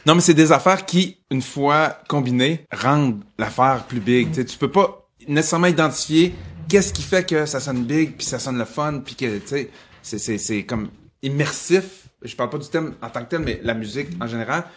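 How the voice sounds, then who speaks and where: A man, a guest musician chatting on a podcast as an animated, expressive storyteller. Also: medium pitch, moderate pace, a little hiss or hum. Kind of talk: casual podcast chat.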